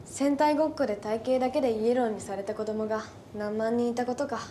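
A woman's voice: fairly high pitch, steady tone, fast talker, mellow, slight background noise, natural voice. A young woman playing a bookish schoolgirl heroine in a TV hero parody, lecturing in a matter-of-fact, oddly polite way over music. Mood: deadpan lecturing. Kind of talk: live-action TV hero parody acting. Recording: music behind the voice.

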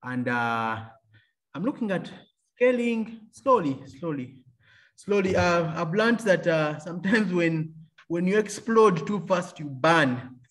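An engineer who became an entrepreneur shares faith and business stories in an interview, frequently laughing and imitating the voices of others. He speaks animatedly but at a slow pace, in a high-sitting, fairly bright voice.

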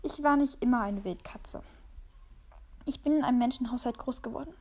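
High-voiced woman reading a story. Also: a little fast. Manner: expressive first-person storytelling. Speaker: story reader. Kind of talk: reading a fan story aloud.

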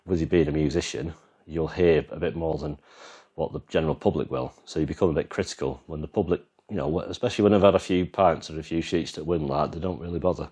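A very deep-voiced English man talks through his band's live mixer in a loose, rambling way, pointing things out as he films it freehand. His voice sits extremely low and comes from a handheld camera. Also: fairly even intonation, quick pace, a little mellow, slightly rough. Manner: rambling, explains as he goes. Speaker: vlogger and band musician. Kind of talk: casual walkthrough demo.

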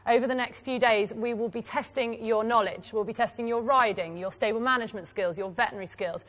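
A woman presenting a TV competition in an energetic, announcing manner. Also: a little high, fast. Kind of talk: upbeat TV presenting.

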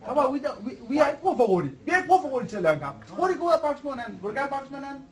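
A man's voice: very high voice, very animated. A man angrily arguing and swearing at a press conference. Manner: angry, shouting, swearing. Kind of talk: heated argument at a press conference. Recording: distant voice in a crowd.

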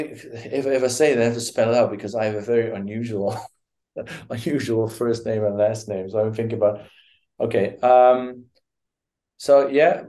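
Warm and medium-pitched, this is a middle-aged Dutch-accented man from the Netherlands. Appearing as a guest on a video call in a home room, he handles a casual interview hesitantly, leaning on fillers and restarting his sentences.

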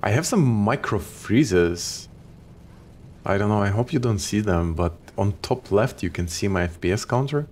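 Deep-voiced Ukrainian streamer. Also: male voice, normal speed, slight background noise. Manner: relaxed, swears offhandedly. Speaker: game streamer. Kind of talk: casual gameplay commentary.

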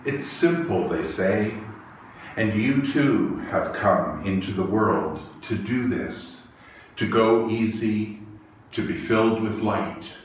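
In a very echoey small chapel, a middle-aged minister leads worship, reading poetry and prayers in a slow, measured, reverent way, his low voice still animated. He sounds a little far from his lapel mic, and there's a faint hiss.

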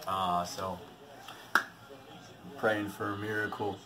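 A man's voice: on the low side, level tone, slow, crowd noise. A man vlogging casually to his phone camera, joking and talking straight to his viewers outdoors in a city. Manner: joking, laid-back, talks straight to viewers. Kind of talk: casual vlog talk to camera. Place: outdoors in a city, streets and park. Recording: noisy outdoor phone recording. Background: city traffic and street ambience.

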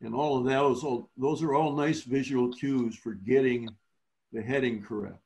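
A man's voice: mid-range voice, fairly even intonation, normal speed, a little mellow. Man teaching on a video call. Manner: explanatory, restarts phrases often. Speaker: sailing clinic instructor. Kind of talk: virtual clinic teaching.

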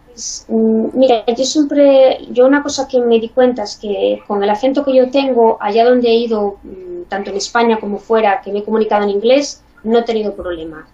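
A woman's voice: fairly high pitch, normal speed, warm tone. A woman from Spain with a Spanish accent, a guest chatting in an interview and thinking aloud with "mm" and "pues". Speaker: guest, bilingual parent. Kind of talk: casual interview. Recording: distant, dull lo-fi mic.

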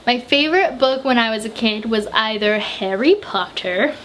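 A woman's voice: a little high, lively intonation, a bit bright, slight background noise. Chatty young woman reading viewer questions. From United States. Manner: chatty, quick answers, reads questions aloud. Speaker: book vlogger. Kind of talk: casual Q&A vlog. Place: home room with bookshelves, indoors.

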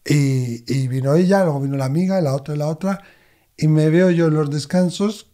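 A man, a medium, telling expressive stories as an interview guest. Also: a little high, a little fast. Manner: expressive, animated anecdotes. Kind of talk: conversational storytelling.

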